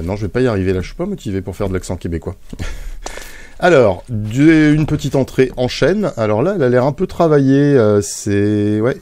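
A man hosting a gaming video, giving casual, chatty commentary as he builds. He talks playfully and fills pauses with little mouth sound effects. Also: fairly low pitch, warm tone.

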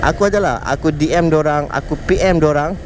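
A Malaysian Malay-accented motovlogger with a fairly high voice talks fairly quickly while riding his motorcycle outdoors through city traffic. His casual vlog chat is chatty, mixes in English words, and keeps addressing viewers as "guys". Wind and traffic noise are audible.

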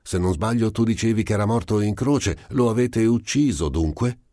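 A curious Martian asks questions with a teacher's patience, pitched well above the deep natural voice of the man reading it. The questions come steadily and never turn harsh. The recording is dry and close, as in an audiobook. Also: normal speed, dark tone, no room sound, natural voice. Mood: probing. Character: calm pure male Martian visitor, puzzled and patient.

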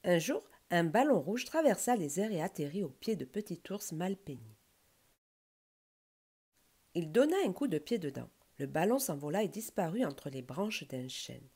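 A woman reading a children's bedtime story aloud in a gentle, expressive way. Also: fairly low pitch, moderate pace, breathy edge.

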